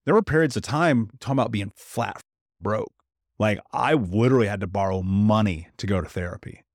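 A man's voice: fairly low pitch, brisk, no echo, clean studio sound. A man in casual podcast conversation, talking candidly and with emphasis, dropping slang like dude and bro.

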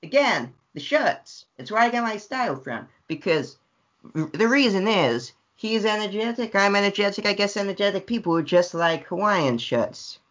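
A man's voice: high-pitched, normal speed. A man guesting on a podcast over a video call, talking energetically and repeating himself. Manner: energetic, repetitive, bursts into loud yelps. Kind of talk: casual review chat. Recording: dull lo-fi call audio.

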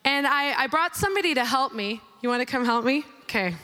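A woman preaching passionately at a conference, swinging between excited and hushed. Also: high voice, a little fast. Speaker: conference speaker. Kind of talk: sermon. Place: conference hall. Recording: large hall reverb.

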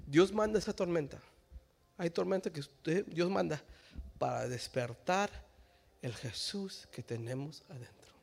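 A male pastor preaching a sermon, swinging between low quiet passages and shouted climaxes, acting out quoted dialogue, with frequent restarts on words. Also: a little slow, creaky, husky. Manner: stumbles and restarts on words, switches briefly to English.

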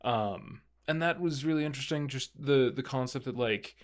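A man's voice: medium pitch, normal speed. Rambling male podcast co-host. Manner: rambling, laughs often. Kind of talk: casual chat.

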